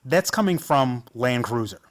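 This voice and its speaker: An American man talks over trail footage in a casual, enthusiastic way and pokes fun at himself as he goes. His voice sits at an ordinary middle pitch. He takes his time and lets his sentences run long. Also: expressive, unhurried. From United States. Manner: enthusiastic and self-mocking. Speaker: off-road channel host.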